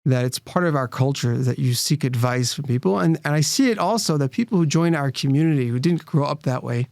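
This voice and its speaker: A man in a podcast interview talks through his ideas earnestly, circling back and restarting as he explains. His voice sits at an ordinary middle pitch. The sound is dry and close, with no room around it. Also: lively intonation, a little fast, creaky, darkish tone, no echo. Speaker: rabbi and nonprofit CEO, guest. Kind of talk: interview conversation.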